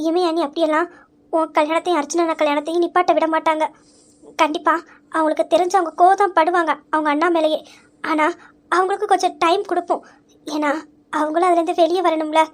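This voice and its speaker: A woman voicing a young woman in an audio story who comforts a crying friend, gently but firmly pointing out her mistakes. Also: very high-pitched, flat delivery, fairly quick, long pauses. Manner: gentle but firm, reasoning and reproaching.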